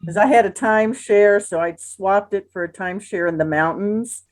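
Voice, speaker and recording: A woman's voice: mid-range voice, moderate pace. A woman co-hosting a podcast, sharing a personal story in a casual, hesitant way while she searches for words. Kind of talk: casual chat.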